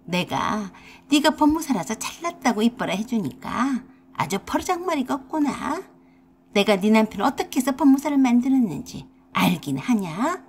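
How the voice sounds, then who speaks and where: A woman's voice: fairly high pitch, sing-song, moderate pace, a little mellow, slight background noise. A woman voicing a domineering older mother-in-law who nags and scolds, using rural dialect words. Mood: scolding. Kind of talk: radio drama acting.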